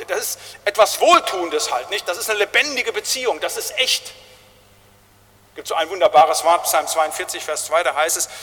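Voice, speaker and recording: A man preaching with a high, ringing voice that bounces around a large reverberant hall. He is emphatic, climbing into loud cries and then dropping to quiet words, and tags his phrases with "halt, nicht?". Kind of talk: sermon.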